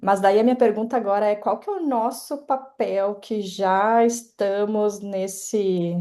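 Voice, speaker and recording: A woman's voice: mid-range voice, unhurried, dark tone. A woman in a study class asking a question, hesitant and restarting her words. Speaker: class participant.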